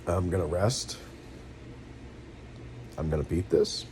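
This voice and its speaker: A middle-aged man with a New England accent and a low, deep voice talks through his feelings, weary and near tears. His speech is halting and rambling, full of restarts, earnest throughout. A faint hum of noise sits underneath. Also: steady tone, a little mellow. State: weary and in pain, close to tears. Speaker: vlogger. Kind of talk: emotional personal venting. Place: at home, seated.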